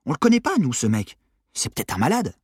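Brief: man playing a pushy teenage boy, crude and excitable, lively high swoops, slightly husky, dry close sound. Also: quick pace, no room sound, full character voice. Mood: suspicious. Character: brash foul-mouthed teenage boy, restless.

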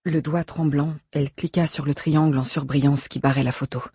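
Male audiobook narrator, husky, fairly high, dry close sound. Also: dry recording. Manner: measured, steady reading. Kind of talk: scripted narration.

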